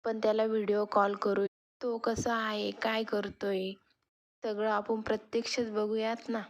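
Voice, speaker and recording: A woman's voice: mid-range voice, level tone, measured pace, natural voice. A woman reading the lines of a scheming, meddling aunt who coaxes and needles. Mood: coaxing.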